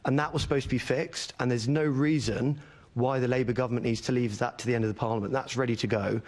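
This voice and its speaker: A man's voice: medium pitch, fairly even intonation, fast talker, a little mellow. A man testifying before a committee as a leaseholder campaigner. He argues his points earnestly, in a mid-range voice, and often repeats a word to hammer it home. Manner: earnest, argumentative, repeats words for emphasis. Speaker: leaseholder campaigner giving evidence.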